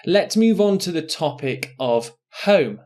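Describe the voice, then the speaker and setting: A man's voice: fairly high pitch, animated, darkish tone. A man teaching an exam speaking lesson, thinking aloud as he writes out model answers. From England. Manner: slow, deliberate, thinking aloud while writing. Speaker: English test teacher. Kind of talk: recorded online lesson.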